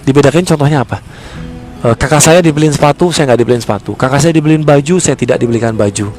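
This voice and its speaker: A man's voice: medium pitch, quick pace, darkish tone, soft background music. A man speaking, giving a motivational sales-coaching talk. He is emphatic and keeps asking rhetorical questions and answering them himself.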